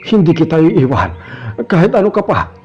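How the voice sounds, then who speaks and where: A man's voice: a little high, very animated, normal speed, darkish tone, husky, faint music behind, pitched above the performer's own voice. A man voicing a protective, desperate old grandfather with a trembling, pleading voice. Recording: dull lo-fi recording.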